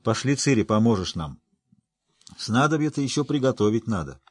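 A man voicing a gruff, boisterous older male dwarf who talks in a rough, folksy, teasing way. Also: mid-range voice, sing-song, moderate pace, dry recording. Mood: gruff jovial.

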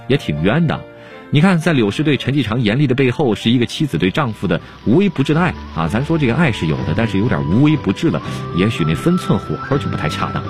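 A man narrating an anecdote in a chatty storyteller's manner. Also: lowish voice. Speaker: radio storyteller. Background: music.

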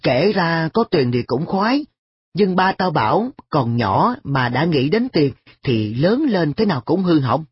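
A reader voicing an earnest schoolboy who scolds his friend in sharp, exasperated questions, in a story reading. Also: mid-range voice, big pitch swings, measured pace, breathy edge, no room sound, muffled recording, voice pushed up, full character voice. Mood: arguing. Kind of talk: audiobook dialogue.

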